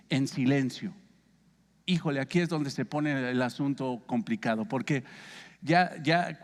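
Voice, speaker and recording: This man, a pastor with a Mexican Spanish accent, chats through a Bible study and asks the congregation questions. His voice is on the high side, trailed by a long reverb.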